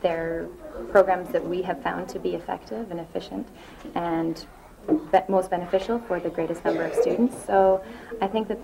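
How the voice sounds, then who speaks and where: A woman's voice: lowish voice, creaky, poor audio. A woman teacher answering interview questions earnestly about her class.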